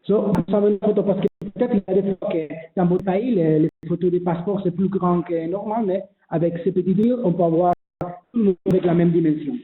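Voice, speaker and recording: A non-native French-speaking man presents a webinar on online registration, speaking briskly in a high-pitched voice with fairly even intonation. He hesitates, using many fillers and restarts, and the audio is echoey and phone-like.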